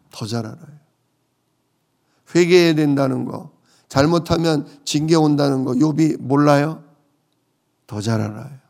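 A man's voice: mid-range voice, gravelly, dark tone. A male pastor preaching a sermon, explaining scripture and asking his listeners questions. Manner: explanatory, asks the congregation questions.

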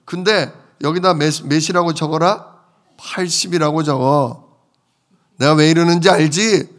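A man's voice: on the high side, unhurried, a bit bright. A man acting out a scheming male steward of a rich master who sighs and frets about losing his post. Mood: conspiratorial. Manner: fretful, groaning sighs.

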